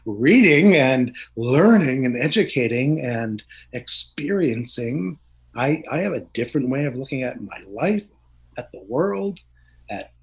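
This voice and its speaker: A man's voice: mid-range voice, rough recording. A middle-aged man as an interview guest, talking openly and earnestly, often laughing and restarting his words. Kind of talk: reflective conversational interview.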